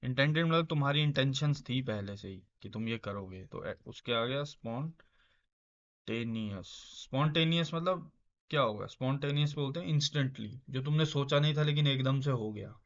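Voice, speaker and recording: A man with an Indian English accent teaching vocabulary in a casual style, explaining slowly, repeating words and chuckling now and then. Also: mid-range voice. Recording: dull lo-fi sound.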